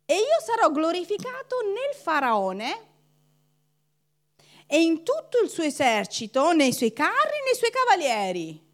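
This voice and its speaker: A woman's voice: extremely high pitch, measured pace. A woman pastor preaching a sermon, acting out the people in her story and laughing as she goes. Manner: animated, acts out quoted voices with laughter.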